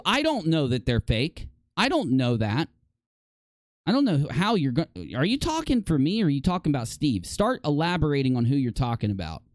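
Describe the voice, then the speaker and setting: Heated, animated man ranting on a stream. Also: fairly high pitch, dry recording. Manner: exasperated, heated ranting while reading posts aloud. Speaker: livestream host. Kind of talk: live stream commentary.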